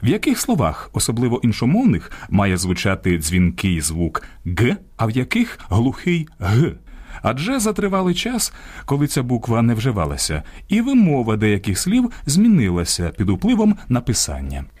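A man's voice: wildly swooping pitch, normal speed, darkish tone. A man co-hosting a radio program, reading a script with emphatic delivery. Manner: emphatic, highly varied intonation. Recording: radio studio with faint music.

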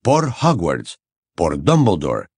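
A man narrating an audiobook in an expressive, dramatic storytelling manner. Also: deep voice, slow pace, breathy edge, no echo, clean studio sound. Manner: dramatic, varied storytelling delivery.

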